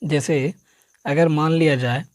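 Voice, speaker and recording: A man's voice: a little high, steady tone, takes it slowly, no echo. Man teaching exam drills, dry. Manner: quizzes the listener with repeated questions and drills the answers. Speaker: coaching teacher. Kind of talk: exam-prep classroom lecture.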